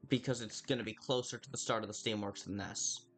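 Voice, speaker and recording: With faint music in the background, a young streamer plays a video game and chats casually, reading viewer comments aloud and feigning exasperation. His voice is lowish, steady, and a bit bright, and he speaks fairly quickly, though he seems a little tired and his mouth sounds dry.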